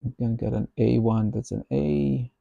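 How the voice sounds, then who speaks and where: Guy working through code out loud, slow and murmury, very dark husky voice. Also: mid-range voice, fairly even intonation, no echo, highs cut off. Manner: slow, musing, half to himself. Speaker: software developer. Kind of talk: thinking aloud while coding.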